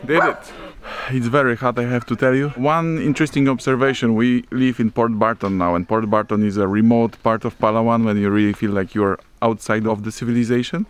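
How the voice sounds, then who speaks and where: A Polish man with a fairly low voice offers casual walking-tour commentary as a travel vlogger, strolling outdoors through a hot, remote village. A little hiss or hum sits in the recording.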